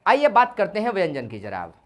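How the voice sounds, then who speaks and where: A woman's medium-pitched voice swoops wildly in pitch as she speaks a little fast, explaining Hindi grammar in a classroom lesson. She repeats important points and asks questions only to answer them herself.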